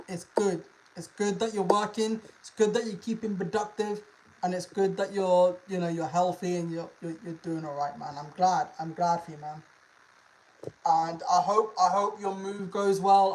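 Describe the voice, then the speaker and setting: On poor audio, a livestream host who makes animal content chats casually in a mid-range, slightly mellow voice. The style is informal, slangy and sweary, with frequent repetition of phrases.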